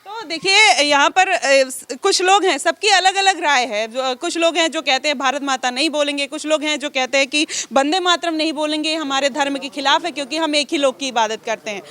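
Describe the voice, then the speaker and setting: A woman's voice: sits high, fairly quick, few pauses, sharp tone. A woman street reporter from asking pressing, probing questions in a public interview.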